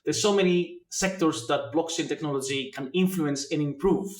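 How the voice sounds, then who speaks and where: A man in his forties, originally from Greece, explaining his work as a guest, with many filler pauses between thoughts. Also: fairly high pitch. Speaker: guest, blockchain educator. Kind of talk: interview answers. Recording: echoey room.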